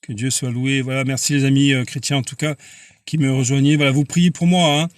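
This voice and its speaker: A man preaching casually on a live stream and answering viewers' comments, halting and repeating words, earnest and insistent. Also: medium pitch, flat delivery, no room sound.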